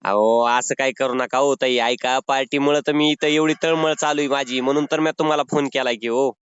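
A man with a mid-range, steady voice makes a brisk prank call, insistent and wheedling as he mock-pleads through apparently unscripted banter. His tone is clean and the recording dry, though the phone audio is dull and lo-fi.

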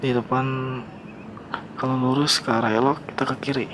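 A man's voice: mid-range voice, normal speed. A young man, chatting casually to viewers while riding a motorbike through town, recorded outdoors over traffic. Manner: slangy, relaxed, talks to viewers. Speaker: motovlogger. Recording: traffic and wind noise.

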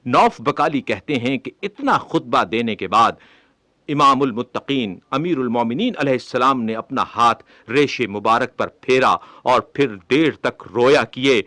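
A man reading a religious book aloud in a measured, solemn way. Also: mid-range voice, lively intonation, bright, forceful tone, dry recording. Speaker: reader of a religious text.

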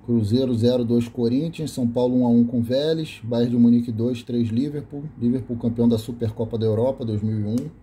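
A man's voice: medium pitch, steady tone, brisk, hardly any pauses, mellow, breathy edge. A Brazilian man filming his VHS tape collection indoors and reading the labels aloud in a casual, list-like way, correcting himself as he goes. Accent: Brazilian Portuguese. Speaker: video host showing a collection of VHS tapes. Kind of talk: casual off-camera commentary. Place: small room indoors.

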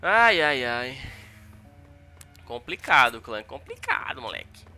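A man's voice: on the high side, animated, normal speed, sharp tone, faint music behind. A young man with a Brazilian Portuguese accent, giving casual commentary over his own gameplay, exasperated and full of slang. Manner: exasperated, slangy, repeats tags like mano and véi. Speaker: gaming YouTuber. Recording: gunfire sounds under the voice.

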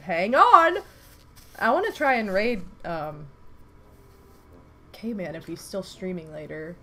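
With a lowish voice and a slow pace, a young woman chats casually with viewers while streaming a game from her home. She sounds stuffed up from a recent flu and reacts animatedly, exclaiming at the game.

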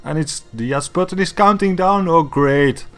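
A sarcastic, exasperated man rants through a comedy video, swearing freely. His voice sits a little higher than most men's. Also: moderate pace. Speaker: YouTuber. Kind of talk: comedic rant.

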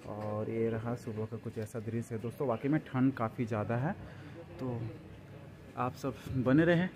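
A man's voice: medium pitch, steady tone, moderate pace. A young man vlogging a train journey and a railway station into his phone, chatty and calling his viewers friends again and again. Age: young adult. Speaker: travel vlogger. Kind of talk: casual travel vlog to camera. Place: inside a train, then outdoors at a busy railway station. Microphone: phone camera held at arm's length. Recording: loud background noise from a moving train and station. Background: loud train and station noise.

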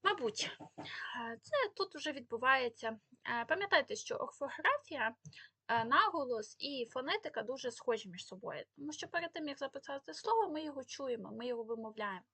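A woman's voice: high-pitched, animated, fairly quick, sharp tone, breathy edge, dry recording. A woman giving a spelling lesson, explaining rules and carefully stressing the example words. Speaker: language teacher.

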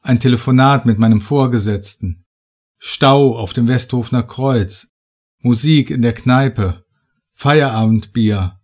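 A man reading a first-person horror story aloud with measured, tense storytelling. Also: mid-range voice, a little mellow. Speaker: audiobook narrator.

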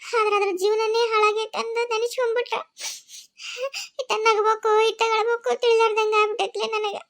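A soft-hearted older woman in a cartoon, as a woman puts her on, lamenting through tears in a very high voice. Her North Karnataka Kannada accent is thick with local words. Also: flat delivery, fast talker. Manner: weeping, lamenting. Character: kind-hearted older woman, crying for a girl. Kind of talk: cartoon voice acting.

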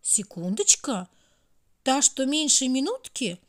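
Woman doing storybook old year, pompous, sleepy, grumpy, slow. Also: sits high, sing-song, full character voice. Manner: important, grumpy.

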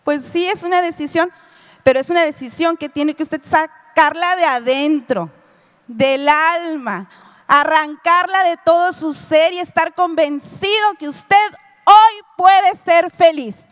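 A middle-aged woman with a high, fairly bright voice lectures an audience at a measured pace, offering a personal testimony. She tells her story directly to the listeners and acts out the quoted dialogue, her words ringing with the long reverb of a big hall.

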